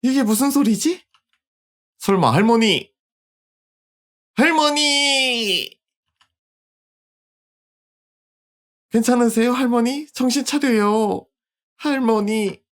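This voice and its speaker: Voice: medium pitch, moderate pace, voice pushed up, lightly acted. A streamer voicing a polite, wary little girl in a storybook-style video game. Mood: alarmed, pleading.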